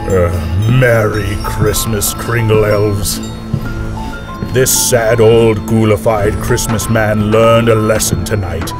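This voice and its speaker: A man's voice: on the low side, level tone, slow. A man playing a sad old ghoulified Santa Claus in an audio drama, with hearty, theatrical delivery. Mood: jolly, rousing. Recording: loud music over the voice.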